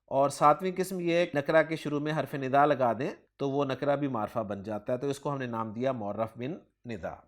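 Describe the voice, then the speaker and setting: Speaking with a Pakistani Urdu accent, a man teaches Quranic grammar in a question-and-answer lesson, quizzing his student and praising every answer. His voice is medium in pitch, and he pauses little.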